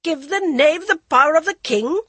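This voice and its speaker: A woman's voice: high voice, normal speed, a bit bright, husky, no echo, pitched above the performer's own voice. A woman voicing a harsh, imperious elderly dowager queen who speaks with strong authority. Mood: angry. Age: older. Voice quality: strong, commanding.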